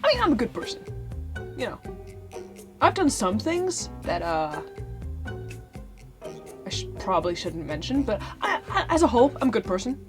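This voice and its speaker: A woman voicing Star-Lord, a boastful, carefree young male space adventurer, telling a rambling, excitable comic story over music. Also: on the high side, moderate pace, long pauses. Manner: excitable, rambling, self-mocking. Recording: music playing underneath.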